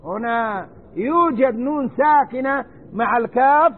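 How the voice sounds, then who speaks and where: High-voiced man teaching, tinny recording. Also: a little slow. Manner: earnest, addresses listeners directly and demonstrates recitation. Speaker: Islamic scholar teaching Quran commentary. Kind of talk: religious lesson. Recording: tinny narrow-band recording with faint noise.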